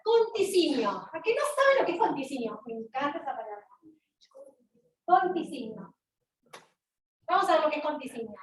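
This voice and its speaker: A woman lecturer with an Argentine accent, giving an animated university talk and asking her audience questions, recorded in a large lecture hall. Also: high voice, moderate pace, long pauses, a little hiss or hum. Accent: Argentine Spanish. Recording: roomy hall sound, mic at a distance.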